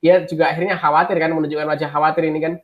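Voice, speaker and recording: A man's voice: fairly high pitch, flat delivery, rapid-fire, dull audio. A man chatting casually about a comic, hesitant with many fillers, laughing often. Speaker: podcast co-host discussing a manga chapter. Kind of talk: casual chat.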